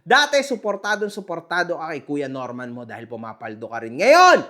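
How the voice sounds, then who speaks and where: A man hosting a gossip commentary vlog, mocking and animated, swearing and calling out to his viewers. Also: on the high side, a little fast. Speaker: online commentary host.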